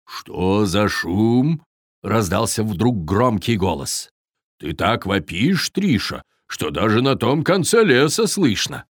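Tappi, a reader doing a gentle calm Viking. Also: medium pitch, breathy edge, no room sound, clean studio sound, full character voice. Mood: curious. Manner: gentle, unhurried, reassuring. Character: kindly good-natured Viking, calm and warm.

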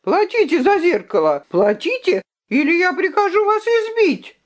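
A woman's voice: fairly low pitch, big pitch swings, unhurried, darkish tone. A woman voicing a greedy, fawning male innkeeper. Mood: demanding.

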